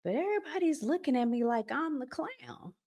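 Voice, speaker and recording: A high, mellow, expressive voice moving a bit fast comes from this American woman who runs a relationship advice channel. She's casual and emphatic, talks colloquially, draws out the words that matter, and acts out her examples.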